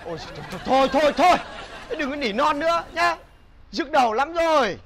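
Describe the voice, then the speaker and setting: A man playing a high-voiced, rowdy young guy. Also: lively intonation, a loud crowd, very noisy. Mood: scolding. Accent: Northern Vietnamese. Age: young adult. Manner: fast, exaggerated pleading and scolding. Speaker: actor in comedy sketch.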